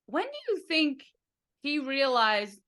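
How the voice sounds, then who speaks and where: A woman co-hosting a music podcast, joking playfully in casual chat, her voice going high when she gets excited. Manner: playful, laughing, quick to joke. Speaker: podcast co-host.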